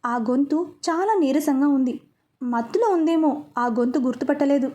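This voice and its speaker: Woman narrator, high voice, mellow tone, calm and measured story reading.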